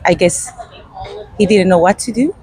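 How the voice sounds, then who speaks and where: A woman from Guatemala, interviewed outdoors in front of a restaurant, answering in a halting, hesitant way with many pauses and fillers. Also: medium pitch, darkish tone, husky, no echo, rough recording. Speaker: interview guest. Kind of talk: unscripted street interview.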